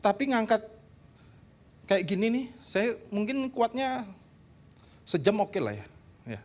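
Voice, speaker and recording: High-voiced Indonesian pastor joking through a sermon. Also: male voice, slow. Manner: humorous, teasing the congregation, animated. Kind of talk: lively church seminar sermon. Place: church hall.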